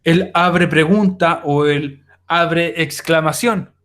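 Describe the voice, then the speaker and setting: A man's voice: fairly high pitch, steady tone, slow, a bit bright. A young man explaining a lesson on a screen recording, talking informally to his students with many fillers. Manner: informal, addresses students directly, frequent fillers. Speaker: teacher. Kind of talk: recorded online class explanation.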